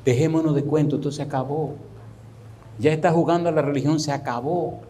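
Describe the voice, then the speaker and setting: Animated male preacher. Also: fairly high pitch, a little fast, a little hiss or hum. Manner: animated preaching, repeats rhetorical questions; acts out dialogue in anecdotes. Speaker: pastor. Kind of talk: sermon.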